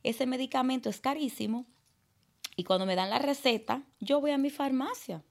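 A woman's voice: sits high, moderate pace, gravelly. A young woman telling her story as a guest in an interview, acting out the people she quotes. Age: young adult. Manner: lively, acts out dialogue in quoted voices. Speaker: guest, mother.

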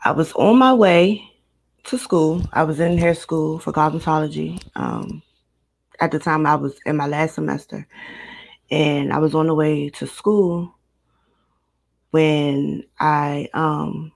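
A woman in her twenties from Maryland, a guest recounting a personal story in a casual interview, steady and matter-of-fact. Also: sits low, slow pace, vocal fry. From Maryland, United States. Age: 20s.

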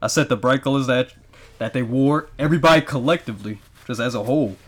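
A man's voice: mid-range voice, quick pace. A man leading a casual group debate, insistent and slangy. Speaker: discussion leader.

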